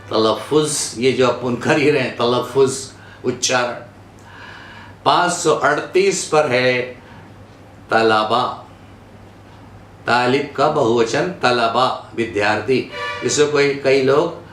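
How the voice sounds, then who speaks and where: Male Urdu pronunciation teacher, very slow and deliberate, roomy echo, faint background hum. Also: mid-range voice, fairly bright tone. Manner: deliberate, repeats each word and gives its meaning. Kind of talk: slow word-by-word pronunciation lesson. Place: studio.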